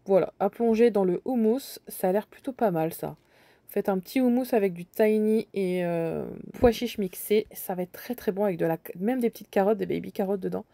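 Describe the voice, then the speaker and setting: A woman's voice: medium pitch, a little fast, creaky, warm tone, no room sound. A woman casually walking through supermarket aisles, chatting and thinking aloud as she points out deals, with frequent hesitations. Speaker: bargain-hunting vlogger.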